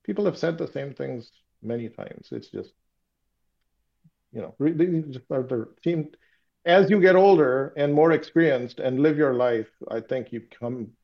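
A man with a mid-range voice and some vocal fry talks reflectively over a muffled call. He is from Pakistan, speaks Urdu as his first language, and is the interviewee in a casual phone conversation, musing philosophically in a halting way with many fillers.

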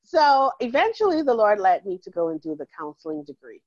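A Bahamian woman in her forties, a counselor talking warmly and chattily in an interview, laughing easily. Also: medium pitch, sing-song, brisk, dull audio. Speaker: counselor and guest. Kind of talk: casual interview conversation.

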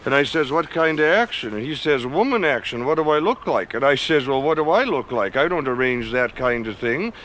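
An actor with a Minnesota accent playing a chatty small-town bartender in a film scene, telling a story with a folksy lilt. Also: male voice, medium pitch, expressive, a little fast, hardly any pauses, fairly bright tone, slight background noise, close to an everyday voice. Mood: gossipy. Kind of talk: film dialogue.

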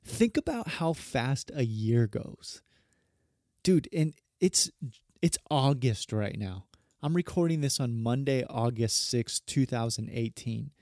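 A man's voice: mid-range voice, lively intonation, slow pace, darkish tone, dry recording, clean studio sound. A man in his thirties, a pastor hosting a podcast, talking casually in a rambling, earnest way and often correcting himself. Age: 30s.

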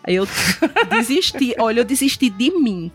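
A woman's voice: fairly high pitch, sing-song, a little slow, soft background music. A woman in casual podcast chat, emphatic and confiding, often calling out to her listeners. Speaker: podcast guest or host.

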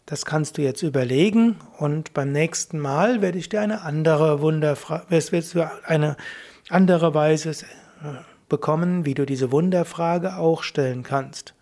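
A man hosting a self-help podcast, speaking slowly and calmly, repeating key phrases. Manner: slow, measured, repeats phrases, shifts between higher and deeper voice to demonstrate. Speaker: podcast host. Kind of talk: calm guided self-help talk.

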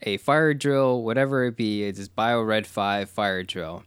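A man co-hosting a casual podcast, animated, jumping into high mocking voices to quote people. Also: a little slow, clean tone, no room sound, clean studio sound. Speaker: podcast co-host.

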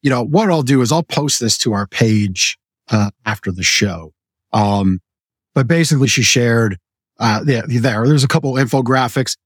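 Guy co-hosting a podcast, chatty and relaxed, mid pitch, dry sound. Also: moderate pace, breathy edge, no echo. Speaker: podcast co-host. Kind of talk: casual show chat.

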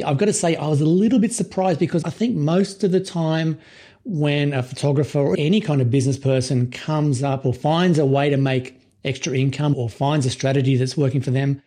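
Higher-pitched man, mellow tone. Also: husky. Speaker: podcast host, interviewer. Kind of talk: conversational podcast interviewing.

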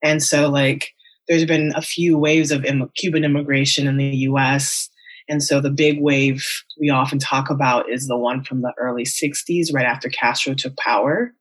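On a casual podcast, a young adult woman who works as a writer and teacher opens up candidly and thoughtfully, using many ums and likes. Her voice is bass, her tone steady, her pace moderate. She is from Las Vegas and Miami in the United States.

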